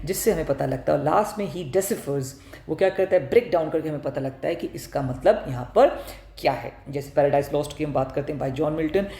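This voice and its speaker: A man teaching an exam-prep lesson, mixing Hindi and English. He explains step by step, poses rhetorical questions and answers them, and often clears his throat. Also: on the high side, fairly quick, mellow. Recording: echoey room.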